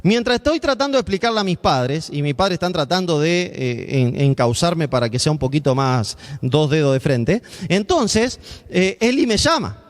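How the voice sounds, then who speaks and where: A man's voice: fairly high pitch, very animated, moderate pace, long reverb tail. A man with an Argentine accent preaching a sermon as a pastor. He tells a personal story and acts out the voices of the people in it. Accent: Argentine Spanish.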